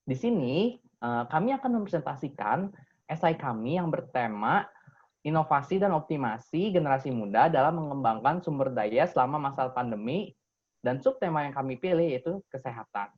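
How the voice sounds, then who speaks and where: A man's voice: mid-range voice, animated, moderate pace, breathy edge, muffled recording. A young man, a student team leader, giving an earnest essay presentation and leaning on frequent filler words as he explains. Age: young adult.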